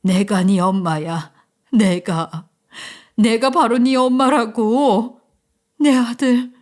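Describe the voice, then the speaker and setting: A woman voicing a wealthy middle-aged mother, emotional and pleading, with loud, slow, sobbing lines. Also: on the high side, close to an everyday voice. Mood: weeping.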